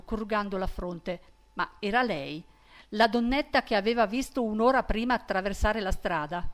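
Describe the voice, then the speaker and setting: A woman reads a passage of a novel aloud with clear, attentive narration. Her voice sits at a middle pitch. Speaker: reader. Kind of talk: literary reading aloud.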